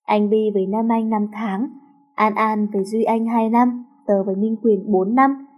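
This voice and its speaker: A woman's voice: mid-range voice, steady tone, measured pace, a little mellow, lightly acted. A woman voicing a sulky, easily hurt teenage schoolgirl with a petulant, pouting manner.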